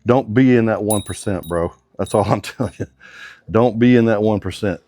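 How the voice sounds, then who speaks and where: A man's voice: fairly low pitch, moderate pace, warm tone. A man working as a motorcycle mechanic who talks through a hands-on workshop demonstration in casual, drawling shop talk with slang.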